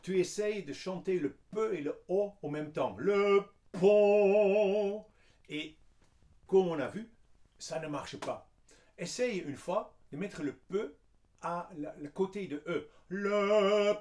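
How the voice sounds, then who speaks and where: A man with a high speaking voice coaches singing at an unhurried pace. He explains each point patiently and breaks into short sung demonstrations. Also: darkish tone. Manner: patient, explains, then sings examples. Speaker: vocal coach.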